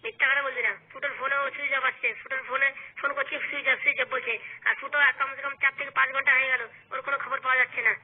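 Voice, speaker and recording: A very high, rapid-fire cartoon tough guy, with a flat, unmoving pitch. He barks threats at suspects, then turns to soothing a distressed wife. The sound is thin and tinny, like a phone line. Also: slightly rough, exaggerated voice. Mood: threatening. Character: menacing, hot-tempered man hunting his missing friend.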